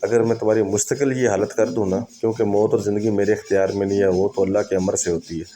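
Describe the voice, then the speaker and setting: Low, mellow-voiced male storyteller. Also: fairly even intonation. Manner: dramatic, unhurried, repeats phrases for effect. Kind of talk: first-person spoken horror storytelling.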